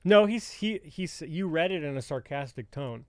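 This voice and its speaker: A man's voice: fairly high pitch, animated, moderate pace, no echo, clean studio sound. A man co-hosting a comedy podcast, trading jokes and laughing through casual banter. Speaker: podcast co-host.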